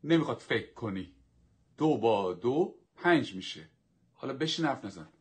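A man's voice: medium pitch, big pitch swings, slightly rough. A man playing a stern, authoritarian teacher who drills his class with commanding, dismissive orders. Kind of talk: dubbed drama acting.

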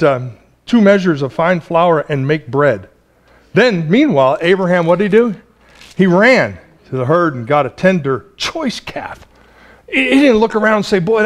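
A pastor in his forties with a high voice preaches a sermon in a small church. He's chatty and lively, laughing often and restarting his phrases.

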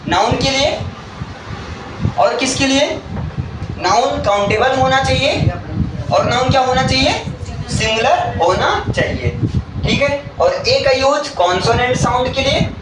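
Guy teaching grammar, really high voice, echoey room, mic far off. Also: background noise. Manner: asks the class questions and answers them himself. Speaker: English teacher. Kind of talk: classroom grammar lesson.

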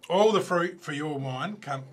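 Husky Australian man hosting. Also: a little high, a little slow. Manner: chatty, jokey banter. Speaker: show host. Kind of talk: casual chat.

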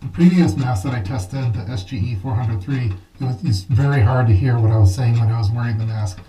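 A man's voice: medium pitch, brisk, mellow, breathy edge. A man reviewing gear casually to camera, his voice projected and muffled through a gas mask in a small shower stall. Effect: muffled, speaking through a gas mask. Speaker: product reviewer. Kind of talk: talking to camera during a gear test. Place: small enclosed home shower.

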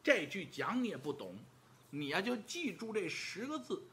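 A man voicing a sly, teasing male scholar in yellow robes who talks in a mocking, knowing way. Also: high-pitched, very animated, normal speed, pitched below the performer's own voice, heavily acted.

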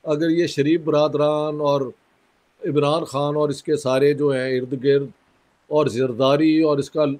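A man from Pakistan, a guest in an interview, speaking in a measured, critical way with pauses and a sore throat. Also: fairly high pitch, level tone, a little mellow. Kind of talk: conversational interview.

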